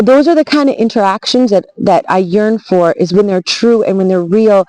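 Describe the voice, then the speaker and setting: A woman's voice: mid-range voice, darkish tone, no echo, rough recording. A woman travel vlogger telling a story in a casual, earnest, reflective way, often restarting her sentences.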